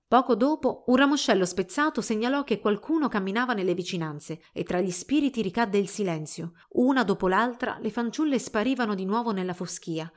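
Woman calmly reading a fairy tale. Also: mid-range voice. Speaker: storyteller. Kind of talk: storybook narration.

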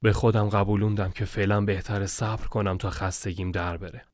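A man narrating a scripted first-person story, measured and tense. His voice is very low, and the recording is dry and close. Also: level tone, darkish tone, dry recording.

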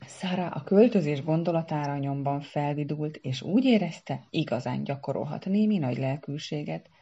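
A woman reads a storybook aloud with an animated, expressive manner. Her voice is low and husky with a dark, mellow warmth. The recording has a slightly dull, lo-fi quality. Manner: animated reader doing character voices. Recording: dull lo-fi sound.

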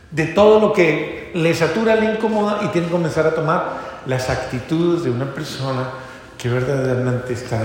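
A man's voice: on the high side, fairly bright tone, slight background noise. A priest preaching to a congregation, coaxing his listeners and building up lists of repeated words. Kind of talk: sermon to a congregation. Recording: echoey hall, faint ambience.

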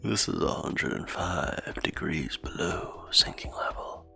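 A man voicing a submarine captain making a mock intercom announcement, hushed and half-whispered. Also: a bass voice, lively intonation, unhurried, gravelly, pitched below the performer's own voice, heavily acted. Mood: mock-official. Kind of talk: joking banter between coworkers.

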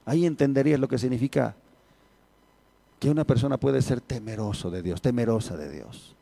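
A male pastor preaching a sermon, repeating words and swinging between raised emphatic lines and low quiet ones. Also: brisk, vocal fry, no echo.

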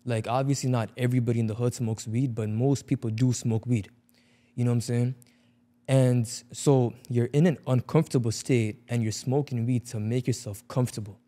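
A young man speaks in a mellow, relaxed voice with a Toronto street accent. He chats casually at middling pitch, leaning on slang and repetition to press his point. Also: normal speed. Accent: Toronto urban slang accent. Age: young adult. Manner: slang-heavy, emphatic repetition. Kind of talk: casual chat.

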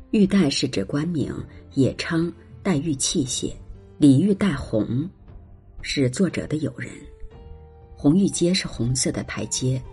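A reader slowly reciting a classical poem with expressive, drawn-out phrasing, then explaining its lines and meaning. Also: slightly rough. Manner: drawn-out, expressive delivery with wide swings in pitch. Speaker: poetry reciter and commentator. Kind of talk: slow poetry recitation then explanatory commentary.

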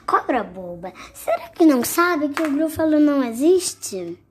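A woman's voice: a little slow, a little hiss or hum. Woman doing a perky little storybook mouse. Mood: cheeky. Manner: high, perky, excitable. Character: small clever boastful mouse.

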